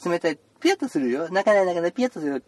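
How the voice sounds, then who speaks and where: A man's voice: medium pitch, moderate pace, a little mellow, no echo, close to an everyday voice. A man playing a chatty male doctor who rambles with puns and mock-stern scolding, in an improvised comedy role-play. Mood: soothing. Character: chatty joking male doctor seeing patients.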